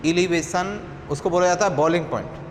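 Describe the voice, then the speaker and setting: A middle-aged man with an Indian accent teaching chemistry, dictating notes slowly and repeating phrases word by word. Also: sits high. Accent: Indian English. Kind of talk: dictating a lecture. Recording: echoey room, long reverb, faint noise.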